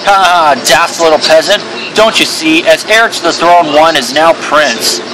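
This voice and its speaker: A man plays a haughty prince in a detective game, imperious and spiteful, speaking with royal pomposity. The voice is slightly high, with noticeable noise behind it. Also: unhurried, natural voice. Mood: gloating. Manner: pompous, imperious, calls himself "one". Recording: clearly noisy background.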